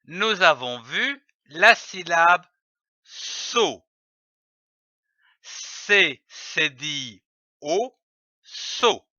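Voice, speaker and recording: Slow, over-articulating male reading teacher. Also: a little high, lively intonation, sharp tone, dry recording. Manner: spells out letters and syllables with careful over-articulation. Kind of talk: slow didactic phonics lesson. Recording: dull lo-fi dry recording.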